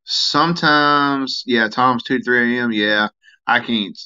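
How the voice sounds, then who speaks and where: A man's voice: mid-range voice, normal speed, clear, resonant tone, highs cut off. A tired man, chatting casually on a live stream and answering comments from viewers. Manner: rambling, relaxed, reads and answers chat comments. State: tired, yawning.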